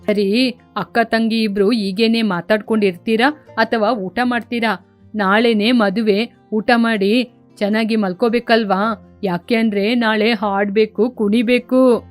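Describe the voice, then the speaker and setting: A kindly, jovial family elder man in an animated storybook, fatherly and teasing, as a woman puts him on. The voice sits lower than her usual high voice, with soft music playing faintly underneath. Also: measured pace, lightly acted.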